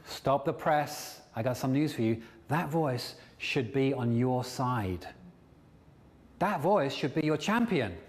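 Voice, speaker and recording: A man's voice: mid-range voice, measured pace. Man lecturing in a reverberant hall. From England. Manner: lively, puts on silly voices to make a point. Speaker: NLP trainer. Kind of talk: seminar talk to an audience.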